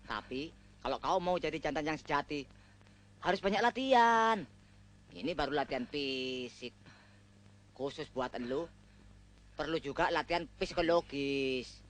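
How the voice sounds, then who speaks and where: A man's voice: a little high, animated, a little slow, long pauses, a bit bright. A bossy young man with a slightly raised voice. He barks out exercise counts and teases his friend. It is broad film-comedy acting. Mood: lecturing. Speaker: friend coaching a groom.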